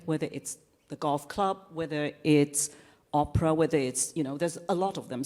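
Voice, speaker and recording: A woman speaking as a conference panelist in a measured way, listing her points. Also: low voice, a little mellow, big-room sound. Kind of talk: panel discussion.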